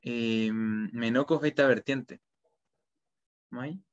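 Male teacher, slow and patient, repeats each word, dull lo-fi call sound. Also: mid-range voice. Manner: slow, repeats each word twice, then gives its meaning. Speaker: language teacher. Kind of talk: online vocabulary class. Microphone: video call.

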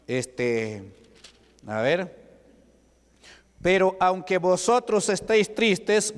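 High, slow, resonant preaching man. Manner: asks the congregation rhetorical questions. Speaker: pastor. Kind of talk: Pentecostal sermon. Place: church hall. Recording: echoey church hall with long reverb.

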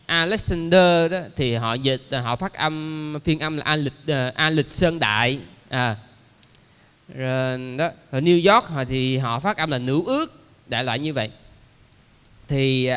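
Monk teaching, fairly high voice. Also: male voice, pushed and bright, clean tone. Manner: explains slowly with many pauses and fillers. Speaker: Buddhist monk teaching a sutra class. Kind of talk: dharma lecture. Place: temple lecture hall. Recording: long hall reverb.

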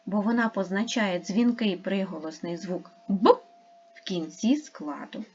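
A woman teaching an online lesson to young pupils, speaking slowly and carefully as she spells out sounds and syllables. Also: medium pitch, darkish tone, muffled recording, slight background noise. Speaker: primary school teacher.

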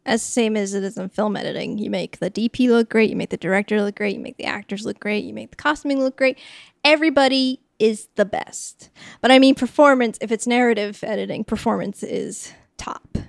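A woman's voice: medium pitch, brisk, vocal fry, dry recording, clean studio sound. A young woman and podcast host, chatting in a rambling, self-deprecating way while she cooks and talks about editing. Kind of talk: casual cooking vlog narration.

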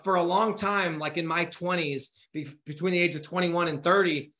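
Male, 30s, business coach, punchy motivational delivery, casual swearing; bright edge, roomy echo. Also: high voice, moderate pace. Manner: energetic, urgent, swears casually; gestures a lot with his hands while talking. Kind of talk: motivational talk to camera. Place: home office with bookshelves.

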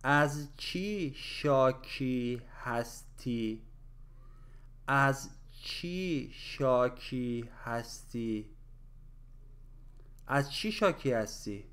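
Smooth-voiced man drilling phrases slowly. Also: mid-range voice, expressive, fairly bright tone. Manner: repeats each phrase slowly in pieces, then at full speed. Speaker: language teacher. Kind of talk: slow phrase-by-phrase language drill.

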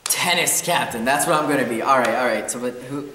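A young woman in a comedy skit, talking hesitantly and deadpan with many pauses. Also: very deep voice, background noise. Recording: echoey room, distant mic.

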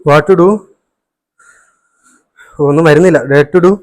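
A man filming a casual home prank for a family vlog, talking urgently and reassuring again and again, sometimes hushed. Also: fairly high pitch, steady tone, takes it slowly. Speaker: family vlogger pulling a prank.

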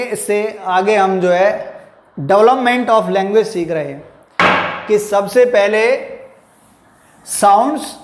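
Male teacher, classroom lecture, unhurried delivery, self-answered questions, roomy echo. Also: high-pitched. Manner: explains step by step, asking and answering his own questions; mixes English terms into Hindi. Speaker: English teacher. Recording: echoey room.

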